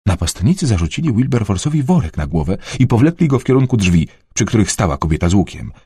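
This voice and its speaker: A man narrating an adventure novel in a dramatic, expressive storytelling manner. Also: fairly low pitch, quick pace, breathy edge, dry recording, studio quality. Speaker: audiobook narrator.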